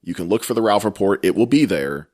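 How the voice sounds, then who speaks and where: A man hosting a podcast, chatting casually and rambling a little, often trailing off quietly. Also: lowish voice, expressive, fast talker. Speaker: podcast host. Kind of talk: casual chat.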